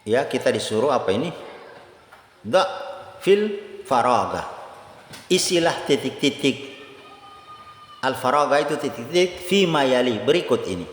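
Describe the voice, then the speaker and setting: A man teaching a grammar lesson at a mid pitch, reading each phrase and then translating and explaining it step by step. His voice rings out in an echoey room with a long reverb tail. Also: big pitch swings. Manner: reads Arabic phrases then translates them slowly. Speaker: Arabic teacher.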